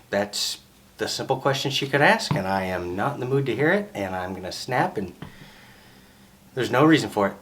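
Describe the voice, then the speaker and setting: A frank, dry-witted man in his fifties chats casually for a home vlog. He keeps his sentences short and plain, stating hard things bluntly and slipping in deadpan jokes. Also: mid-range voice.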